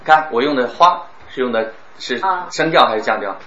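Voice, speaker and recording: A man teaching a class on speaking, lively and demonstrating words with exaggerated stress and pauses. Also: mid-range voice, crowd noise. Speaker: speech teacher. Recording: roomy, dull, some background noise.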